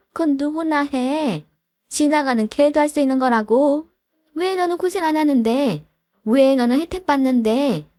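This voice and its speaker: Woman doing a domineering old mother-in-law, scolding, high voice, dry close sound. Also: no echo. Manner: scolding, shouting demands. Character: pushy elderly mother-in-law, shrill and domineering.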